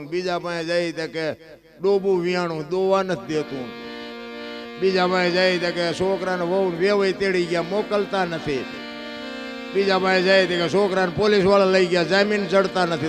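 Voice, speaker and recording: A man giving a devotional folk discourse as a storyteller, firing rhetorical questions and swinging between loud and hushed. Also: high voice.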